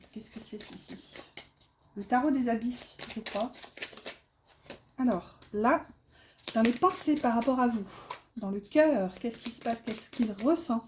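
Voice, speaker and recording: A woman with a faint northern French accent gives a casual tarot reading, pausing often with fillers as she explains the cards. Her voice sits a little high but sounds mellow and dark. It carries an echoey room sound. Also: a little hiss or hum. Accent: northern French (ch'ti). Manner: hesitant, many fillers, talks through card meanings. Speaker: tarot card reader.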